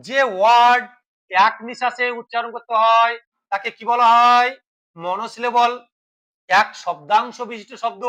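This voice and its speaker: Teacher, classroom grammar lesson, bright tone, spells words letter by letter, asks questions and answers them. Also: mid-range voice, rough recording.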